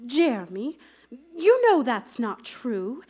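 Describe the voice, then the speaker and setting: Woman as fussy cheerful nanny, lively sing-song voice, radio comedy. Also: on the high side, takes it slowly, heavily acted. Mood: upbeat. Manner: sing-song, overly upbeat. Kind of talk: live comedy radio play.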